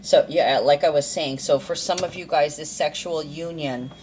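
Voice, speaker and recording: Low-pitched with a darkish tone, this tarot and astrology reader speaks at normal speed over slight background noise. Her card reading is loose and rambling as she reasons aloud and self-corrects, her speech a bit off because of a dental issue.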